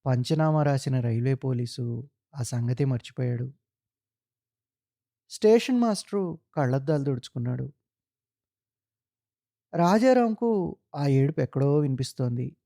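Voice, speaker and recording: A man reading a literary short story aloud in a measured, solemn narration. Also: medium pitch, lively intonation, creaky, dark tone, no room sound, clean studio sound.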